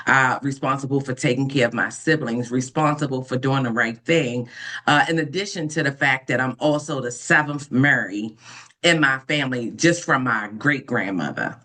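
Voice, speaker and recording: A woman in her fifties from Baltimore, an ordained minister, telling her life story in an interview in an earnest, unhurried way with frequent pauses and soft fillers. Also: extremely low pitch. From Baltimore, United States. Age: 50s. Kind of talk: reflective personal storytelling in an interview.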